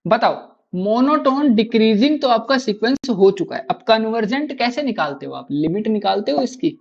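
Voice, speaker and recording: A man's voice: high voice, animated, normal speed, vocal fry, dull audio. A man teaching maths in a live online class, quizzing students with constant rhetorical questions and repeating key answers to drill them in.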